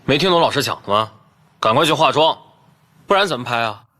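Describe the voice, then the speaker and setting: Brusque man at a photo shoot, fast, bright voice. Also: mid-range voice, lively intonation. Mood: impatient. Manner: brusque and impatient. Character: brusque male studio staffer.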